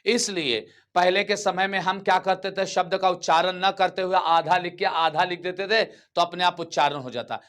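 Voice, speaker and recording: A man's voice: sits high, steady tone, moderate pace, few pauses, fairly bright tone. A man teaches a grammar lesson in a slightly raised register. He drills his students by asking a question and then answering it himself, repeating the key term again and again. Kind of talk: classroom grammar lecture.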